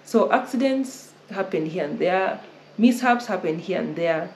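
Speaking from her living room sofa, this young Kenyan woman hosts a travel vlog Q&A, giving casual advice and circling back to rephrase her points. She has a lowish, slightly mellow voice with lively intonation and a measured pace, captured in a roomy space with faint background noise.

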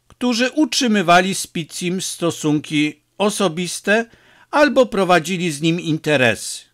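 A man reading an audiobook aloud in an expressive, measured way. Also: fairly high pitch. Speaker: audiobook reader. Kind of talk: audiobook narration.

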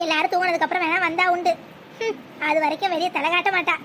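A woman's voice: very high-pitched, fairly even intonation, fast, bright, forceful tone, a little hiss or hum. A woman voicing a spiteful cartoon grandma. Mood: scornful. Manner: scornful, gloating, scolding. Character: spiteful scheming old grandmother.

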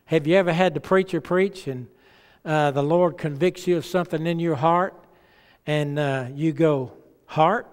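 A man's voice: on the high side, steady tone, moderate pace, clear, resonant tone. A middle-aged man preaching a revival sermon in a conversational, folksy storytelling way from a church stage. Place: large church sanctuary, on stage. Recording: reverberant church hall sound.

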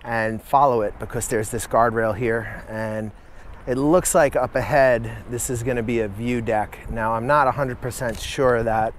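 A man's voice: mid-range voice, fairly even intonation, moderate pace, few pauses, a little hiss or hum. A man talking casually to camera as a travel vlogger while walking around a hilltop fortress, thinking aloud with fillers. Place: outdoors at a hilltop fortress in a city.

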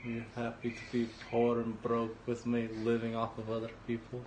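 A man's voice: mid-range voice, monotone, moderate pace, a little mellow, slight background noise. A man bantering with his girlfriend in a sarcastic, joking way. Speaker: vlogger's boyfriend. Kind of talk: casual banter. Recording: roomy space with music.

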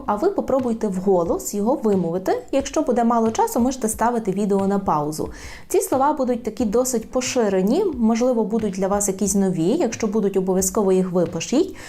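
A woman teaching a language in a video lesson, repeating words slowly and carefully. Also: mid-range voice, warm tone. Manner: slow, careful repetition of words.

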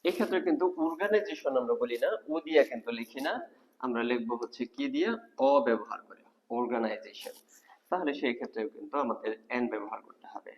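A man with a medium-pitched voice teaches English grammar fast in a video lecture, explaining step by step and asking the class rhetorical questions. The hall gives a long reverb.

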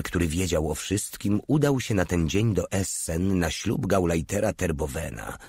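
A man narrating an audiobook in a steady, measured reading. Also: sits low, vocal fry, husky, no room sound.

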